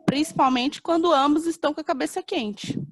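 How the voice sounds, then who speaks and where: A woman's voice: high voice, fairly quick, a little hiss or hum. A woman from Minas Gerais, Brazil, a participant in a church class, speaking directly and asking questions. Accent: Brazilian Portuguese, Minas Gerais. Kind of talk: casual chat.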